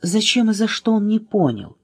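A woman reading a children's storybook aloud in an expressive way, changing voices for the figures. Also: moderate pace, breathy edge. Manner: expressive, changing pitch for drama. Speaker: reader.

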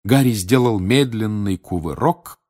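Low-voiced male audiobook narrator. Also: animated, measured pace, a little mellow.

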